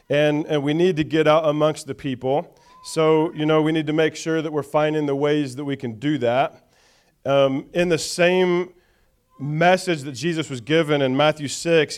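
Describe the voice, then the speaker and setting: A man's voice: on the high side, a little mellow, clear, resonant tone. A man preaching a sermon to a church, reading scripture with call-and-response and chatty asides. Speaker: pastor.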